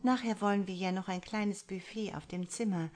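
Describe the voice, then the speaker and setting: A woman's voice: medium pitch, fairly even intonation, normal speed, a little mellow, close to an everyday voice. A woman reading an audiobook, voicing an affectionate young woman who is a little impatient with her partner. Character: affectionate, hungry young woman on a romantic getaway.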